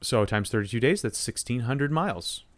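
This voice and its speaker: A man's voice: mid-range voice, animated, moderate pace, no echo. A man co-hosting a casual podcast quiz, thinking aloud with hesitant fillers and restarts. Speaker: co-host.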